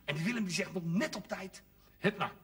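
A man's voice: high-pitched, fast talker, recorded from a distance. A man telling a comic story on stage, doing the voices of the characters as he goes. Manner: animated, voices characters, frequent audience laughter. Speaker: cabaret performer telling a story. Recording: live stage recording from afar, audience audible.

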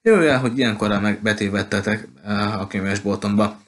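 A man's voice: lowish voice, natural voice. A man voicing a talkative, gushing petite woman who runs a bookshop, in an audiobook. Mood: chatty. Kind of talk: audiobook character voice.

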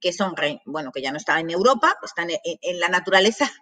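A woman's voice: on the low side, lively intonation, fast, sharp tone. A woman giving an informal presentation on working abroad, talking in loose restarts and often checking in with her listeners. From Spain. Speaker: presenter of a work abroad programme masterclass.

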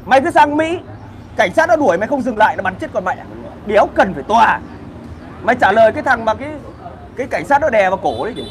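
A man rants in a high, pushed voice, crude and combative. He hosts a casual livestream from outdoors. Traffic and street noise sit loudly behind him. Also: big pitch swings, fast, a faint crowd. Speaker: livestream host answering viewer comments.

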